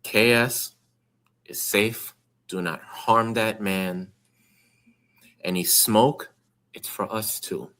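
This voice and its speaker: A man's voice: on the low side, fairly even intonation, slow pace, pauses often, fairly bright tone. A man hosting a podcast in casual conversation. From New York. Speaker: podcast host. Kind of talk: casual chat.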